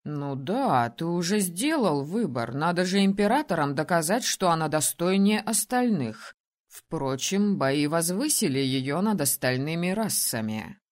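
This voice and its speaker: A woman reads as an ancient male keeper and creator, unhurried and condescending, in a storybook reading. He talks slowly, in a voice that sits lower than hers. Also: big pitch swings. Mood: calm. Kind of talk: audiobook character voicing.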